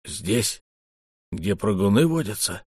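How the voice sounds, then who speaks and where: A grim warrior, as a man plays him, speaking low and hushed in an audiobook. The voice is deep and close on a dry recording. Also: sing-song, slow pace, slightly rough, no echo, heavily acted. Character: grim, quiet male warrior.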